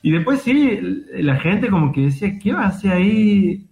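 A man's voice: high-pitched, very animated, moderate pace, a little mellow. A young man with an Argentine accent, a guest on a remote call, telling his story in a reflective way full of fillers. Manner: reflective, hedging with frequent fillers. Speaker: interview guest. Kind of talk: casual conversation. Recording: tinny phone-like line.

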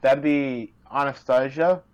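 A man talking casually over a call, pitched at an ordinary middle level. He rambles along, hesitant, with plenty of "um"s and restarts. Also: fairly even intonation, slow pace, clean tone, poor audio. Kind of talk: casual chat. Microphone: remote call.

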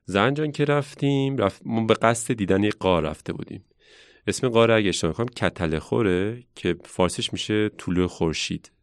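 A man who works as a science educator, telling stories in a relaxed conversational way and thinking aloud as he reflects. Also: lowish voice, no room sound, clean studio sound. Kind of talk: casual conversational storytelling.

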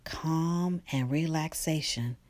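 A woman guiding a relaxation meditation in a soft, slow, partly whispered delivery. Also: sits low, no room sound. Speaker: meditation guide.

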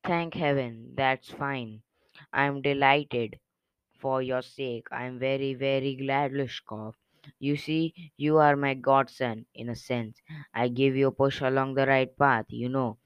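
A self-satisfied gentleman doles out advice in a measured, patronizing tone, read by a man. His voice is smooth and clear. The recording is dry and slightly dull. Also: mid-range voice, fairly even intonation, dry recording.

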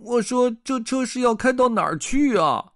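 Whale in a storybook, read by a man, high and squeaky, fretful, dry close sound. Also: moderate pace, dry recording, full character voice. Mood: worried. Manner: squeaky and excitable. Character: chatty fretful whale blowing bubbles.

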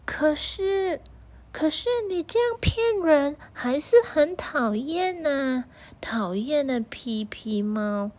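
A woman's voice: sits high, expressive, slow pace, darkish tone, voice pushed up. A woman voicing an anxious, indecisive little male mouse in a children's storybook, hesitant and stammering. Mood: sulky. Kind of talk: storybook narration.

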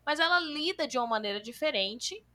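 A woman hosting a podcast, reading listener comments aloud and chatting, running one thought into the next with hardly a pause. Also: sits high, expressive, bright, forceful tone. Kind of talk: casual chat.

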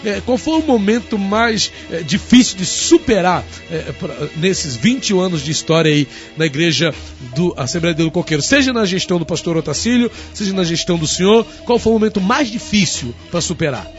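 Brazilian pastor hosting a radio show, high voice, kinda muffled radio sound. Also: male voice, very animated, fairly quick. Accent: Brazilian Portuguese. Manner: formal, devotional, reads listener greetings. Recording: dull radio broadcast, faint music.

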